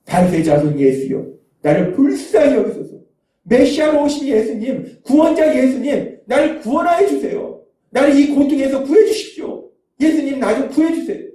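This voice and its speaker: A man's voice: very high voice, expressive, normal speed, warm tone, pitched above the performer's own voice. A male preacher acting out a desperate blind male beggar, pleading and crying out for help. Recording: echoey hall, mic far off.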